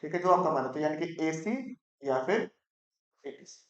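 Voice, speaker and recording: A man's voice: fairly high pitch, lo-fi sound. Playful male teacher in an echoey classroom. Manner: asks the class quick questions, mixes Hindi and English; playful, teasing students. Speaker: economics teacher. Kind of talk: classroom lecture.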